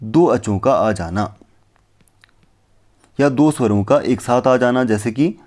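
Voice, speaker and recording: A male teacher gives a patient, step-by-step lecture. He poses questions to himself and answers them, repeating key terms. When he quotes verses, he slows down and recites them carefully. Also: mid-range voice, darkish tone. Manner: recites Sanskrit verses slowly. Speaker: Sanskrit teacher. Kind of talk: explanatory lecture on phonetics.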